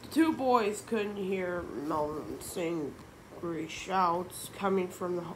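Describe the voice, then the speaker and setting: A woman reading a children's book aloud, halting, with frequent restarts and slips. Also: fairly low pitch, a little hiss or hum. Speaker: reader.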